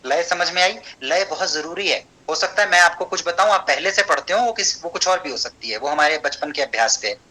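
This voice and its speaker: A man teaching an online Sanskrit class, explaining step by step, checking understanding and chanting verses slowly. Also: a little high, pushed and bright, low-quality recording.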